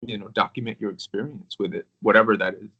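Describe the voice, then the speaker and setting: A man in casual conversation about crystals, talking in a relaxed, rambling way with many filler words. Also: on the low side, fast, slightly rough, muffled recording. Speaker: crystal collector.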